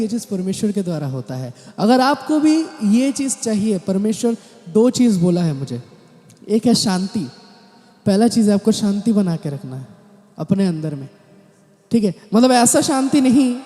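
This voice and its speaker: High-voiced pastor preaching in an echoey hall. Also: male voice, warm tone. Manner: preaching with repeated amen, hallelujah refrains and English words mixed in. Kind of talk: sermon. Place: large church hall. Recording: echoey church hall with long reverb.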